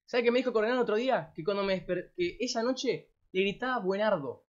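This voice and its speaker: A man's voice: sits high, fast talker. Young Argentine guy, rambling lo-fi. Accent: Argentine Rioplatense Spanish. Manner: rambling, slangy, swears freely. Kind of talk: casual storytelling to a live audience. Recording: dull lo-fi recording.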